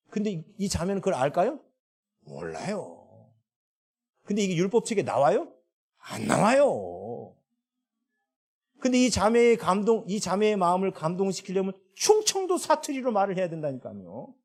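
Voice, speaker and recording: Male pastor, sermon delivery, voice rises and falls a lot, fairly high for a man, peppers the talk with tag questions. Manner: lively rising and falling delivery.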